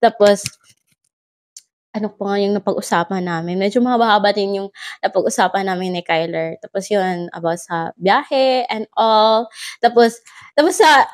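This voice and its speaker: A young Filipino woman vlogger telling a story in a casual, excited way, giggling often and mixing two languages. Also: medium pitch, moderate pace. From Philippines. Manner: excited, giggly, mixes Tagalog and English.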